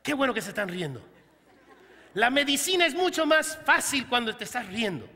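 Male pastor, high and very bright voice, humorous sermon delivery with acted-out quotes, long church-hall reverb. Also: very animated, moderate pace, a faint crowd.

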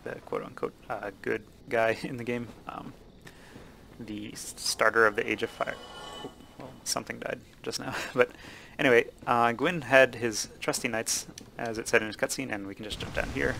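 A man hosting a let's play, explaining the game casually with many fillers and pauses. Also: medium pitch, gravelly, a little hiss or hum, low-quality recording. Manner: relaxed, explaining with many ums and uhs. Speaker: gaming channel host.

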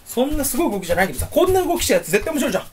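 A man's voice: very high voice, sing-song, rapid-fire. A young man chatting alone to the camera while standing in a room at home. He rambles, fools around and teases himself. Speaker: YouTuber. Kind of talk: solo casual chat to camera.

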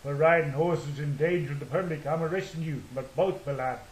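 An older Australian man voicing a stern, officious police sergeant, delivered as a quote within his own story. The voice stays close to the teller's own slightly high tone. The room sounds roomy, with faint hiss. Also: a little fast, close to an everyday voice.

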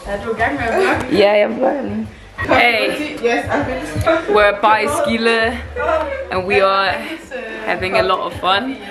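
A woman's voice: on the high side, very slow, pauses often. A young woman vlogging at a party, bubbly and laughing, talking into a handheld camera. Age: young adult. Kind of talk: casual party vlog. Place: crowded party with loud music. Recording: loud music and crowd behind. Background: loud music, party crowd.

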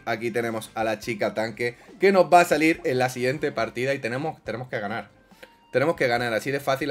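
Male gaming commentator, animated pitch, muttering that bursts into shouts, faint music underneath. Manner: swings from mumbling to loud outbursts. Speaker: gaming YouTuber. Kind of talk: excitable gameplay commentary.

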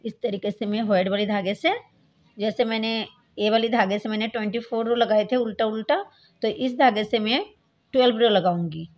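A woman hosting a step-by-step knitting tutorial, calmly explaining each stitch and often addressing her viewers as friends. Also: medium pitch, brisk, lo-fi sound. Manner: patient, repeats "look, friends" while demonstrating. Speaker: craft tutorial host.

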